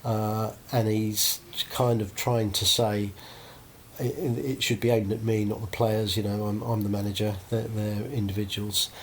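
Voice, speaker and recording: A man's voice: fairly low pitch, little pitch movement, measured pace, a little hiss or hum. A man hosting a casual podcast chat, hedging often and ending points with tag questions.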